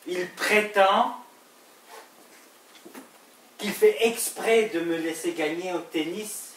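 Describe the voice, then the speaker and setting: A middle-aged man plays a suspicious, jealous husband in a stage play, firing pointed, probing questions in a tense, accusing mood. His voice sits high and is fairly bright, and he speaks slowly. It's a roomy, distant recording from a theater stage with faint hiss.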